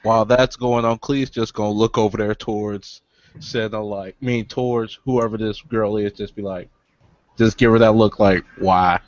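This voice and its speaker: A man playing a tabletop game, amused and slow, on a dry, dull lo-fi recording. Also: lowish voice, fairly even intonation, darkish tone, dry recording. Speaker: player. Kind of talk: casual tabletop play.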